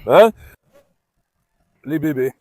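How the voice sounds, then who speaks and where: A man vlogging outdoors in a garden, calling and coaxing his puppies in a lively, animated way and talking to his viewers. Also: a little high, extremely slow, dry recording, clean studio sound. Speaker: dog breeder vlogger. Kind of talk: casual vlog talk to puppies and viewers.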